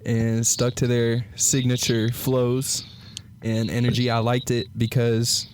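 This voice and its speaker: A man's voice: mid-range voice, monotone, takes it slowly, slight background noise. A man co-hosting a podcast, telling stories in a rambling way and filling them with "like". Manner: rambling storyteller, heavy use of "like". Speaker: podcast co-host. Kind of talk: casual sports and music chat.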